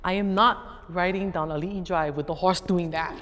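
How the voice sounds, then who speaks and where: Speaking as a guest speaker and educator, this middle-aged Hawaiian-accented woman animatedly recounts a story to a crowd, voicing the other characters herself. Her voice sits lowish and moves at a moderate pace, captured in an echoey hall with a faint noise floor.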